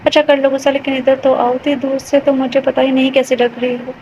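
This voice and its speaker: A woman voicing a young husband with a soft, coaxing, affectionate manner, in a dull lo-fi recording. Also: sits high, level tone, a little hiss or hum. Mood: tender. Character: young man, gently teasing loving husband.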